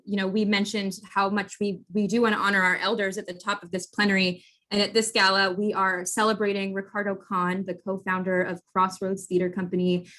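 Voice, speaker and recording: A young woman in her late twenties talks over a video call as she closes a panel and hosts the event. Her tone is warm, grateful and bubbly, and her voice sits at a middle pitch. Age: 20s. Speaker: event production manager and conference host. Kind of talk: online panel hosting.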